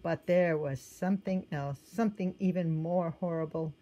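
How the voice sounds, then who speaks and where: A woman reads a children's storybook at normal speed, her lowish voice soft and her telling gentle and expressive. She occasionally stops to point out what's going on in the illustration.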